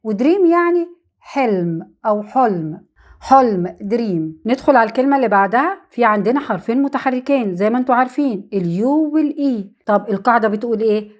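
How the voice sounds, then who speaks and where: A woman with an Egyptian Arabic accent teaching an English lesson on vowel rules, who repeats example words slowly and asks and answers her own questions. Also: on the high side, animated, a little mellow.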